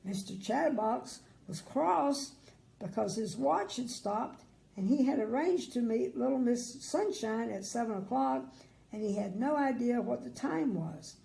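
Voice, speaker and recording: A sweet older woman reading a children's bedtime story aloud in a gentle, grandmotherly way, with chatty asides. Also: on the high side, expressive, measured pace, gravelly, low-quality recording.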